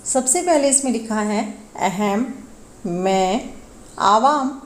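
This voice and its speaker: A woman with a fairly high voice takes a language lesson at a very unhurried pace. She reads each line slowly, then explains it in plain terms. The room around her rings with echo. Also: animated. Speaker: Sanskrit teacher.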